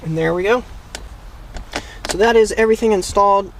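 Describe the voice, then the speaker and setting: At normal speed and in a high-pitched voice, a man narrates a casual hands-on tutorial for his how-to video channel. He thinks aloud and walks through each step while working inside or next to a parked vehicle, with background noise present.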